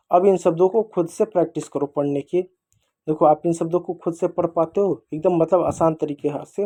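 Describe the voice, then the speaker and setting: A man's voice: a little high, mellow. A man with a Hindi accent teaching children to read English phonics, patient, repeating rules and asking questions back. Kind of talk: phonics lesson.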